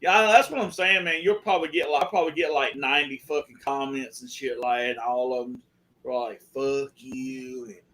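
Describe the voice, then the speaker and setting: A laid-back man talking on his live stream. His speech is halting and full of ums, and he swears freely. His voice sits at an ordinary middle pitch. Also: bright, forceful tone, slight background noise. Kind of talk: casual chat on a live stream.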